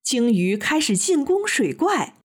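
Lively woman reading a children's story. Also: high-pitched, measured pace, slightly rough. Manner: animated and expressive. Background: children's music.

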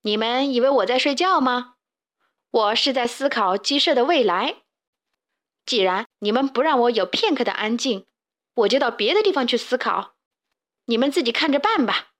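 A woman's voice: fairly high pitch, animated, moderate pace, fairly bright tone. A woman voicing an indignant rooster father who leads a chicken coop, in a children's storybook. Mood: angry. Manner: huffy, indignant.

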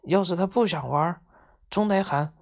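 A woman's voice: on the low side, moderate pace, a little mellow, pitched above the performer's own voice, natural voice. A woman voicing a chatty young male animal friend who coaxes in a conspiratorial way. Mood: coaxing. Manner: coaxing, conspiratorial.

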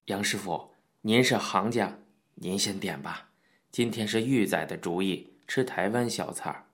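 A man voicing a polite, gentle middle-aged man in an audiobook reading. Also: lowish voice, unhurried, voice pushed down. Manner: polite, gentle, soft-spoken. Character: courteous middle-aged man living in Japan, soft-spoken. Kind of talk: audiobook character voice.

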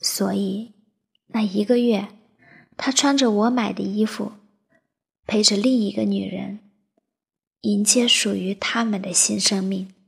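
Woman narrator, emotional first-person story; husky, gravelly tone, unhurried reading over soft music. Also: medium pitch, fairly even intonation. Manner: soft, breathy, half-whispered delivery.

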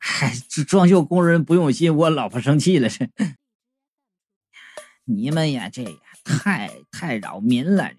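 A storyteller voicing a complaining old neighbor woman in a low, hushed tone. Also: lively intonation, unhurried, dry recording. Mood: grumbling.

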